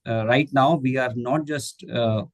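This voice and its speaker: In studio-quality audio with no echo, a middle-aged man from India speaks at a measured pace and medium pitch. Hindi is his first language, and as a guest English teacher trainer answering online webinar questions, he is hesitant, with many fillers and restarts.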